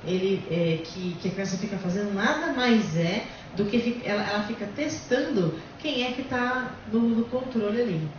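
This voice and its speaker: A woman's voice: medium pitch, expressive, moderate pace, hardly any pauses, background noise. A woman hosting a casual discussion, explaining bluntly and emphatically. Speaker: host. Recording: echoey, distant, dull lo-fi room.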